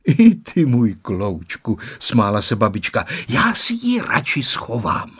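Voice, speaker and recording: A man narrating a children's story in an expressive storytelling manner. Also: on the low side, breathy edge, no room sound, clean studio sound. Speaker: audiobook narrator.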